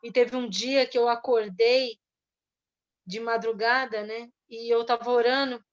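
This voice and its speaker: A middle-aged woman with a Brazilian Portuguese accent tells her testimony earnestly. Her voice sits fairly high and soft, and she pauses and restarts often. The recording sounds dull and lo-fi. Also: steady tone. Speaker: church member giving testimony. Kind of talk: emotional personal testimony.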